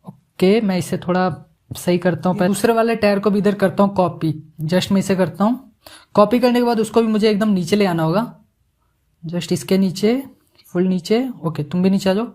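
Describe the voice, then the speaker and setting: A man giving a casual, joking software tutorial, mixing English words into his Hindi as he works. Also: sits high, moderate pace. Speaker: animation tutorial instructor.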